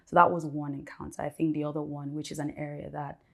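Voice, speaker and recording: A woman's voice: deep voice, little pitch movement, quick pace, creaky, fairly bright tone. A woman in her thirties, a guest sharing her personal testimony in a candid, reflective way with light laughs between thoughts.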